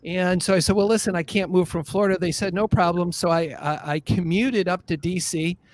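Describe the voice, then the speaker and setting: His voice sits high and stays steady, moving a bit quickly, with some faint hiss or hum in the background. This fifty-something podcast guest, president of a business association, shares his story cheerfully and pokes fun at himself in a casual interview.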